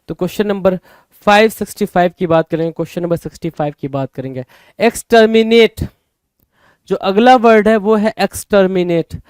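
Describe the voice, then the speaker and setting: A man leads a vocabulary lesson for exam takers. His voice sits high for a man and sounds smooth and clear. He keeps checking in with rhetorical questions and repeats every word. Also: darkish tone, no room sound. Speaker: vocabulary teacher.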